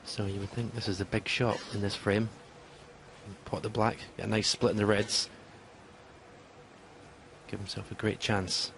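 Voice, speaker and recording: A man giving live snooker commentary, explaining shots in a measured, analytical way. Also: fairly low pitch, little pitch movement, vocal fry, fairly bright tone. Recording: crowd and noisy arena ambience behind. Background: audience in a snooker arena.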